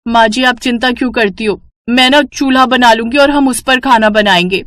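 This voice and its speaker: Young daughter-in-law, naive and melodramatic, higher pleading voice, voiced by a woman. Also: moderate pace, fairly bright tone, no room sound, close to an everyday voice. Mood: cheerful.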